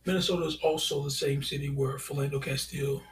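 A man hosting a solo podcast commentary, speaking deliberately and halting over his words with many fillers. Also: medium pitch, steady tone, far from the mic, a little hiss or hum. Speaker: podcast host.

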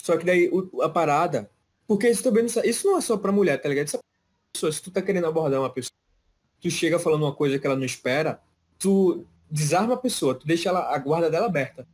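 A man's voice: on the high side, animated, fast talker, darkish tone. A young man in casual chat, rambling and slangy, often stopping and restarting his sentences.

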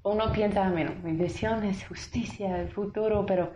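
A woman's voice: medium pitch, steady tone, normal speed, mellow, slight background noise. Chatty young woman from the US. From United States. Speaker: interview guest. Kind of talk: casual interview conversation. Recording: echoey room, slightly dull sound.

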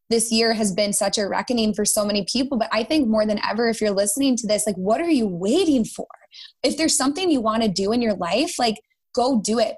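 Woman with a Minnesota accent, heartfelt and informal. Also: fairly high pitch. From Minnesota, United States. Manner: informal, heartfelt, addresses listeners directly. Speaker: podcast guest. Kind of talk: casual, earnest conversational storytelling and advice.

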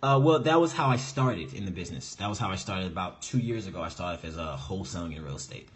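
A young man from the United States, a guest on a video call, explaining things in a relaxed way with many "you know"s. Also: low-pitched, fast. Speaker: guest, real estate investor. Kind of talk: interview answers on a video call.

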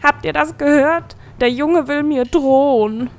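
A woman's voice: medium pitch, measured pace, natural voice. A woman voicing a brutish, bullying male goat demon who talks in a sneering, threatening way. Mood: mocking.

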